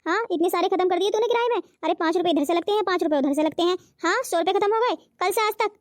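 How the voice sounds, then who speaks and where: A grumbling, penny-pinching old mother-in-law from a cartoon, acted by a woman. She has a very high, thin voice and constantly scolds the family. The sound is close and dry, with no room around it. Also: racing, no room sound. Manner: scolding, complaining. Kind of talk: cartoon voice acting.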